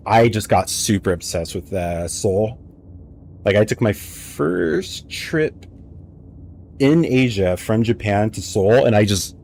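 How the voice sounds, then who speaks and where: Chatting casually while he games, a young man from the United States tells rambling, animated stories into a headset mic at home; English is his first language. His voice is on the low side, and there's slight background noise.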